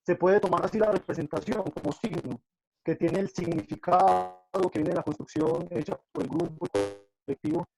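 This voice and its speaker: Guy on a video call that keeps breaking up, dark mellow voice, bit high, dry sound. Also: moderate pace, gravelly, no echo, soft background music, rough recording. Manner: thoughtful, builds his question step by step. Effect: choppy, breaking-up video call audio. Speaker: audience member asking a question. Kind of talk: academic discussion on a video call.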